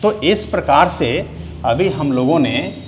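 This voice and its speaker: A man teaching English grammar in a classroom-style lesson, dictating word by word and checking in with "clear?" as he goes. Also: a little high, animated. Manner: slow, drawn-out dictation, asks "clear?" often; spells out words one at a time. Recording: long hall reverb, faint noise.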